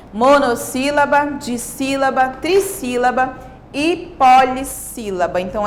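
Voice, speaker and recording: Brazilian lady teacher, higher voice, slow patient explaining, bit of faint hiss behind. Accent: Brazilian Portuguese. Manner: patient, slowly stretches out example words, frequent "né?" and "tá?" checks. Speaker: primary school teacher. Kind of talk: recorded grammar video lesson.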